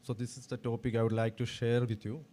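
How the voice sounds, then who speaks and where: A man with a Kerala accent speaks with a sore throat in a dark, throaty voice. He gives a formal talk in a flat, halting delivery, never very loud. There is slight noise in the background. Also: medium pitch. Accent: Indian, Kerala. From Kerala, India. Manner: formal, halting with repeated words. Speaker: guest speaker, veterinarian. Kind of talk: prepared motivational research talk.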